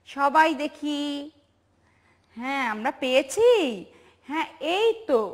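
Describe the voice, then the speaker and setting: A woman with a high voice leads a preschool lesson for television at an unhurried pace. She talks in a patient, sing-song way, asking simple questions and praising the children. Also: fairly bright tone. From Bangladesh. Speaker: preschool teacher.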